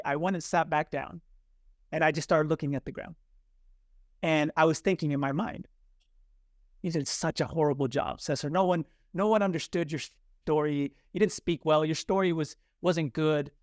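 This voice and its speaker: With no room sound and studio-quality audio, a man in his forties shares a personal story as a podcast guest. This communication coach, a native Spanish speaker from Chile, has a fairly high voice at normal speed and brings quoted voices to life with animated acting.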